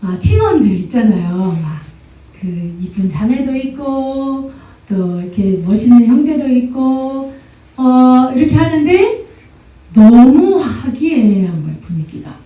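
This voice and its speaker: A woman with a high but mellow voice gives a church seminar talk as a guest lecturer. She tells stories with lively energy, laughing and acting out little exchanges. She sounds far from the mic in a very echoey church hall. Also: a little slow. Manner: lively storytelling, often laughing and acting out quotes.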